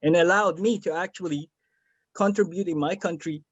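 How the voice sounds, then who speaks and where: A man from the Philippines, his voice sitting high at a normal pace, chats casually on a video call while giving an earnest testimonial. He rambles, with lots of fillers and restarts, in a muffled recording that has no echo.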